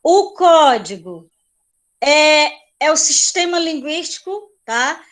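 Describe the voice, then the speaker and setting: A woman's voice: high voice, expressive, takes it slowly, fairly bright tone. A woman teacher giving an online class, explaining patiently, repeating points and checking in with her students.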